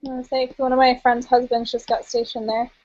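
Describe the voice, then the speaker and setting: A woman's voice: on the high side, level tone, a little fast, a little mellow, dry recording. A woman chatting casually on a group video call, speaking with lots of filler words. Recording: dry lo-fi video call audio.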